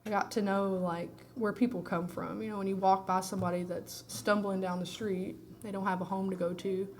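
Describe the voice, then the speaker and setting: A woman's voice: medium pitch, flat delivery, fairly quick. A woman singer-songwriter with a groggy voice from allergies, chatting candidly and rambling between songs at an intimate live session. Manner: rambling and candid, full of "you know" and "like". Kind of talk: casual chat between songs.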